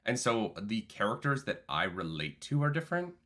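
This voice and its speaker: A man's voice: lowish voice, moderate pace. A man in his thirties co-hosting a casual livestream chat, reading viewer messages aloud and talking animatedly. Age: 30s. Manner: animated, reads chats aloud. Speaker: co-host.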